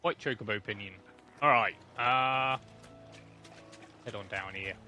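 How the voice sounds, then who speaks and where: Wyluzowany streamer gier, mówi bardzo wolno, jasny, napięty głos. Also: male voice, lowish voice, unhurried, sharp tone, muffled recording, faint music behind. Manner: laid-back, joking, chatty. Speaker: game streamer. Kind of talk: live gameplay commentary.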